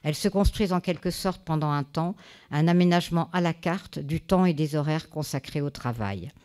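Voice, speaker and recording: A woman giving a conference talk, reading a prepared text in a measured way, with small fillers and restarts. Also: sits low, darkish tone. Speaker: conference speaker. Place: conference hall.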